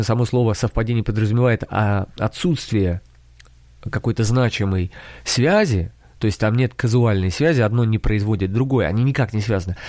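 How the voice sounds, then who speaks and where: A man's voice: mid-range voice, mellow, no room sound. A man from Russia hosting a solo podcast, talking in a conversational, reflective and hesitant way. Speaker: podcast author and host.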